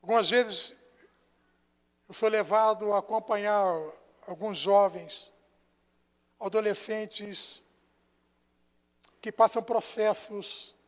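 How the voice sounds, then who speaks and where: A Brazilian man preaching as a pastor, telling a story and swinging between hushed and loud passages. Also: sits high, fairly even intonation, takes it slowly, pauses often. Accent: Brazilian Portuguese. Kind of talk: sermon. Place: church sanctuary. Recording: long church hall reverb.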